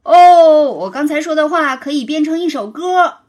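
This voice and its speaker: Bratty boastful schoolboy, loud and teasing, high husky voice, a woman playing him, children's storybook. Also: sing-song, moderate pace, exaggerated voice. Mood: taunting. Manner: loud, taunting, sing-song chanting. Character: cocky mischievous schoolboy, boastful teaser.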